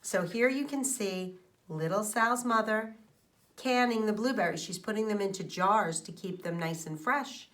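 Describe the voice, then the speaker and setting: In a mid-range voice and at a moderate pace, a woman teacher reads a children's storybook aloud. Her delivery is expressive as she explains things and asks her young listeners questions.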